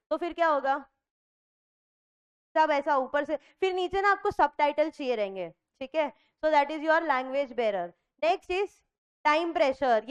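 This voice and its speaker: An Indian woman giving a classroom revision lecture in a lively way, questioning her students, mixing Hindi and English. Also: high-pitched, dull audio. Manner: lively, asks the class questions and answers them herself. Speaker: commerce lecturer.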